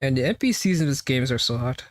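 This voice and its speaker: A man's voice: mid-range voice, expressive, fast, no room sound. Blunt man commenting over a game, dry mic. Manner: blunt, crude, profane. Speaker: streamer reacting to a game story. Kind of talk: casual live commentary. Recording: dry mic, faint game music behind. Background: game music and dialogue.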